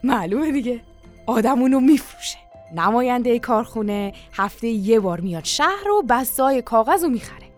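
A boastful, scheming country father, read by a woman who talks like an eager salesman. His voice sits fairly high and carries over faint background music in a storybook reading. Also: lively intonation, natural voice. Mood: eager boasting.

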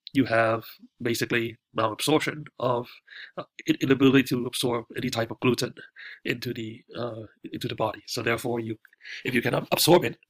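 A male instructor talks through a recorded lecture, his voice nasal and stuffy from a cold. He pauses often, with many fillers. The sound is dry and close. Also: mid-range voice, dry recording.

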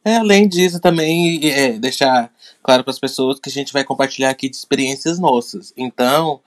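A Brazilian man co-hosting a podcast in casual chat, often halting and repeating words as he explains. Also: medium pitch. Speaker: podcast co-host.

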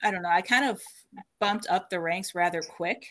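A woman's voice: lowish voice, moderate pace, a bit bright. A woman guest on a podcast, casually telling stories about her paranormal work and laughing often between sentences. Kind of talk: casual storytelling interview.

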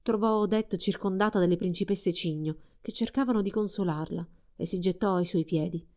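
A woman reading a fairy tale aloud in a calm, expressive storybook narration. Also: on the low side, a little fast.

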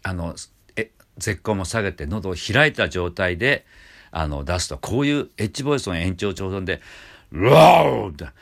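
An older Japanese man teaching a singing lesson, explaining calmly with many fillers and small restarts. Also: deep voice. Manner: explains calmly, breaking off to demonstrate sounds. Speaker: voice trainer. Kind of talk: vocal lesson with demonstrations.

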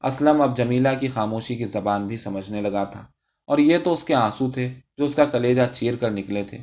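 Man, storyteller, steady reading, mid pitch, muffled lo-fi recording. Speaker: narrator. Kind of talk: storybook narration.

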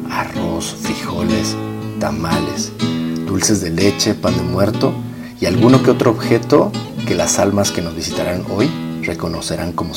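Un hombre con acento mexicano que narra un cuento con guion, de manera descriptiva. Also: male voice, deep voice. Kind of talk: scripted storytelling narration. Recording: guitar music loud behind.

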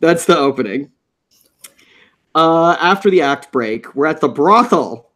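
A man's voice: a little high, animated, measured pace, fairly bright tone. A man co-hosting a casual show recap, playful and jokey. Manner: playful, jokey, puts on silly voices. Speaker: podcast co-host.

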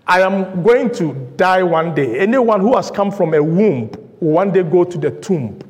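A man's voice: sits high, lively intonation, normal speed, a little mellow, big-room sound. A male pastor preaching a sermon in a church, emphatic and rhythmic, driving points home through repetition. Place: church sanctuary.

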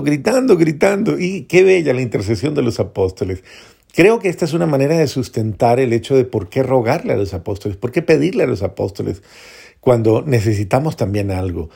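A man preaching a homily as a priest, earnest, repeating phrases for emphasis and dropping to soft prayerful tones. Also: medium pitch, creaky, breathy edge.

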